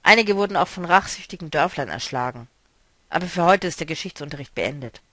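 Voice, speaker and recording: A man's voice: a little high, lively intonation, fairly quick, bright, forceful tone, no room sound. A man reading a novel aloud, voicing a stern, mocking woman who speaks firmly and decisively. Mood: determined.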